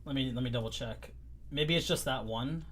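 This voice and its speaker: A male livestream host with a voice of ordinary pitch who chats casually. He laughs a lot, and when something goes wrong he gets flustered and repeats himself over and over. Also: normal speed, a bit bright.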